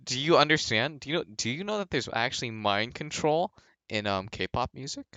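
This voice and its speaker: Bright, crisp-voiced young man rambling. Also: mid-range voice, animated, fairly quick, no room sound. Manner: rambling, joking conspiracy storyteller. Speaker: podcast co-host. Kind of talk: casual chat.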